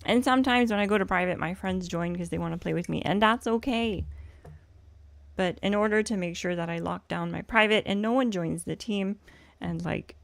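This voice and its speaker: Female game streamer, hoarse and gravelly, casual rambling explanations, close dry mic. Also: medium pitch, normal speed, dry recording. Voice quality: scratchy. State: hoarse from swollen throat. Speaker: live streamer, host. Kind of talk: casual game livestream chat.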